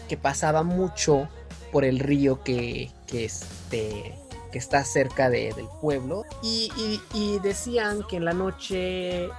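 A young man, telling a story in casual chat, animated, with frequent laughs and restarts. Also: on the high side. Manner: animated, laughs often, many fillers and restarts.

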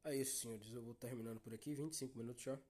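Talking very fast in a dark-toned, mid-range voice with fairly even intonation, a young Brazilian podcast host with a Brazilian Portuguese accent delivers a solo confessional monologue. He sounds weary and downcast, swears heavily, and calls his audience "guys," and a slight hiss or hum sits under the audio.

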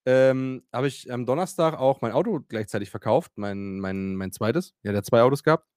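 Animated ranting man, dry close sound. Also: mid-range voice, moderate pace, clear, resonant tone, dry recording. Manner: animated, rants and acts out quotes; swears casually, many fillers. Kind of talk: casual chat, storytelling.

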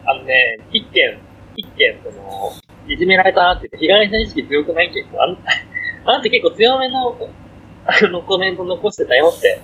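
Rambling young man, lively pitch. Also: normal speed, lo-fi sound, slight background noise. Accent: Kansai. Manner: rambling, self-deprecating, slips into Kansai dialect. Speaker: podcast co-host. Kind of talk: casual chat on a livestream.

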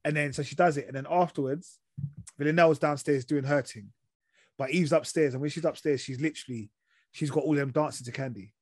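A man's voice: on the high side, fairly even intonation, a little fast, no room sound. London man, slangy roadman talk, dry close sound. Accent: London, urban street slang. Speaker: podcast host. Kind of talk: casual TV review chat.

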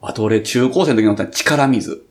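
A man's voice: mid-range voice, fairly quick. A man with a Kansai accent in casual chat, laid-back and chuckling, reading out facts he looks up. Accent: Kansai Japanese.

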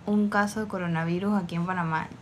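A woman's voice: on the low side, steady tone, fast talker, slight background noise. A woman from the United States co-hosting a podcast in casual, teasing, informal Spanglish. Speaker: podcast co-host.

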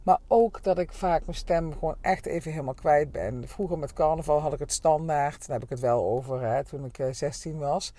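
Brief: middle-aged woman host, a little hoarse, chatty, filler-heavy delivery, dry sound from a parked car. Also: low-pitched, normal speed, few pauses, dark tone, no room sound. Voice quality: slightly hoarse. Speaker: podcast host. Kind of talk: casual solo podcast monologue.

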